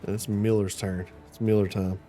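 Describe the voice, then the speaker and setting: A man's voice: on the low side, flat delivery, moderate pace, mellow, soft background music. A young man running an online tabletop game as game master, joking and swearing casually.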